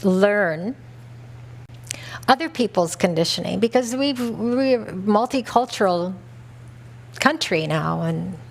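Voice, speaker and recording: A middle-aged woman from North America giving a reflective retreat talk as a spiritual teacher, speaking gently and conversationally with easy restarts. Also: medium pitch.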